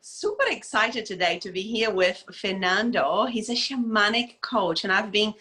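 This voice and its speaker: A woman's voice: mid-range voice, normal speed, pushed and bright. A woman hosting an interview, chatty and enthusiastic, with many fillers as she frames her questions. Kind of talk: casual interview.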